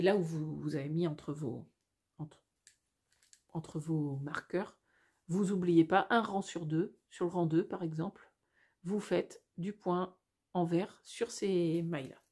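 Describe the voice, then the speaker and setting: Mellow-voiced woman explaining knitting steps. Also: fairly low pitch, slightly rough. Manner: chatty, thinks aloud, self-correcting, many fillers. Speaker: knitting tutorial host. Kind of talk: casual step-by-step knitting tutorial.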